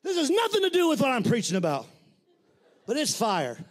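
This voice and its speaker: A middle-aged man preaches a fiery sermon, his voice sitting very high for a man. He talks bluntly and colloquially and often breaks into shouts. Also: huge pitch swings, a little fast. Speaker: pastor.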